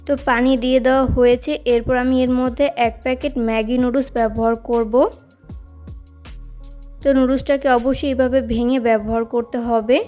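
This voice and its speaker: High-pitched lady narrating a recipe quick and even, soft music under it. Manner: steady instructive step-by-step delivery. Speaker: cooking channel host.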